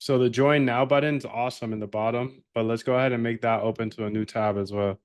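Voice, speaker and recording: Recorded dry and at studio quality, this male streamer talks quickly in a medium-pitched, fairly even, clean voice. He's coding a trading bot on a live stream, loosely joking and cursing with viewers in casual chat.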